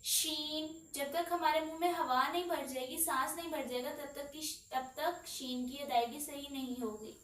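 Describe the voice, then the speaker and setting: A teenage girl teaching Quran recitation, patiently repeating each letter sound slowly and explaining how to pronounce it. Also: high-pitched, steady tone, echoey room, distant mic. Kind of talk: slow teaching lesson with drilled letter sounds.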